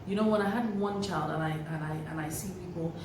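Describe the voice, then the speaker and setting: A woman's voice: on the low side, quick pace. A woman giving earnest, preachy parenting advice to camera, repeating key phrases for emphasis. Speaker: parenting vlogger. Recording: very echoey room, voice from a distance, faint noise.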